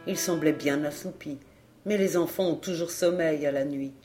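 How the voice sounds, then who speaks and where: Brief: measured, solemn reader of a classic novel, faint background music. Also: mid-range voice, darkish tone. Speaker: audiobook reader. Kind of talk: literary audiobook narration.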